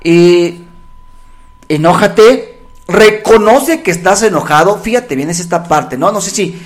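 A middle-aged man talks in a fairly high voice. He reflects out loud and slips into quoting his own angry inner thoughts. The pace is relaxed and conversational. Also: a little slow. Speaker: podcast co-host. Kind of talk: casual chat.

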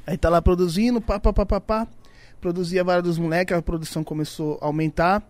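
A man's voice: high-pitched, steady tone, brisk, a little mellow, dry recording. A man from the São funk scene, telling stories in casual slang and acting out the dialogue. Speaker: funk music producer. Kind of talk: casual podcast storytelling.

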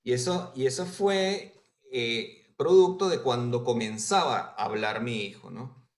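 A man's voice: medium pitch, a little slow, reverberant. A Venezuelan man, a writer, answering interview questions thoughtfully with many hesitations and tag questions. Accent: Venezuelan Spanish with Argentine touches. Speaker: writer guest.

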